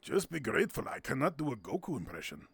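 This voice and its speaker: Male streamer, casual gameplay commentary, gravelly, very bouncy delivery, giggles often. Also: mid-range voice, very animated, fast talker, no room sound. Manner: playful and giggly, with silly sound words. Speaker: streamer hosting a game night.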